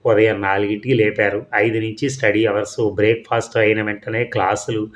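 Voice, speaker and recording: A man's voice: on the low side, flat delivery, fairly quick, natural voice. A man reading the lines of a chatty teenage son telling his mother about hostel life. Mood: cheerful.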